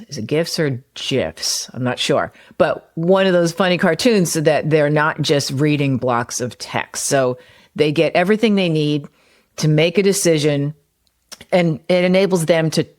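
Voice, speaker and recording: A woman hosting a solo podcast, explaining marketing ideas in a conversational way with everyday examples. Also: sits low. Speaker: podcast host and copywriter; former personal trainer.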